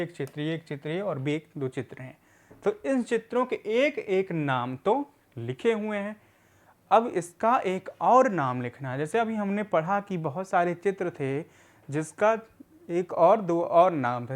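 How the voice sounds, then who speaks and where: Slow patient man teaching reading. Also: on the high side. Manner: spells out syllables patiently, asks and answers own questions; often checks in with "theek hai". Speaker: adult literacy teacher. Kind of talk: slow step-by-step reading lesson.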